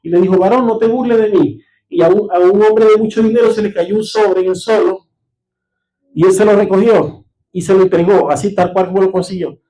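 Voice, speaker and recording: A man's voice: high-pitched, steady tone, a little fast, mellow, poor audio. A man preaching a sermon as pastor, telling stories and checking in with the congregation. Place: church service.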